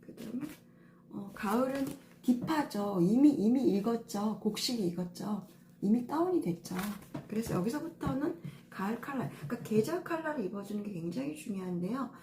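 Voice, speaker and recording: A woman's voice: a little high, lively intonation, normal speed, mellow. A middle-aged woman stylist giving a casual lesson on color coordination, patient and step by step with many fillers. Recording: echoey room with faint ambience.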